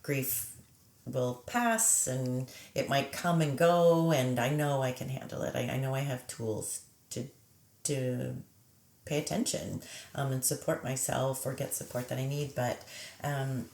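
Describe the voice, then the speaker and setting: Woman, deep with some fry, reflective podcast talker, echoey room. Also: a little mellow. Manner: reflective, measured, with frequent pauses and fillers. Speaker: podcast conversation partner. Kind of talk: casual reflective conversation.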